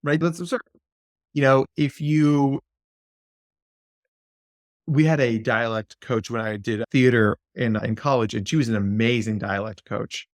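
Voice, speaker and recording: A man, a clinical psychologist, talking as a guest in a podcast interview. He speaks in an animated, playful way and slips into silly voices. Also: mid-range voice, unhurried, long pauses, dry recording.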